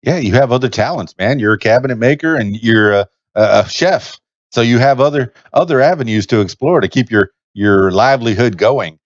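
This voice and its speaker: A podcast host from Miami, born to Cuban parents, leads a casual chat, stammering and hesitating and frequently calling his guest "man." He speaks fairly quickly at a medium pitch. The recording is dry and dull lo-fi, with no room sound.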